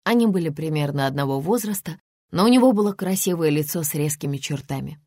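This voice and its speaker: A woman reads a novel aloud in a low, measured voice. The recording is dry and close, with no room sound. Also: lively intonation, warm tone, no room sound. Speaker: audiobook narrator. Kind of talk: scripted narration.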